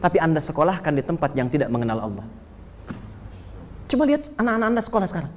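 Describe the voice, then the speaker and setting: A man giving a lively, joking sermon and speaking straight to his listeners. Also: fairly high pitch, racing, a little hiss or hum. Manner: animated, joking, addresses listeners directly. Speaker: Islamic preacher. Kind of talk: lively sermon to a live audience. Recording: long reverb of a lecture hall.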